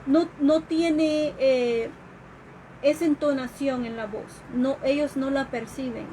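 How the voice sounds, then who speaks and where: A woman educator with a high voice lectures at an unhurried pace during a live stream. She explains patiently, pausing on fillers and restarting her sentences. A faint hiss of background noise runs under her voice. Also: steady tone, dark tone, rough recording. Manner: explanatory, with fillers and restarts, acts out quoted questions. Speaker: educator giving a talk.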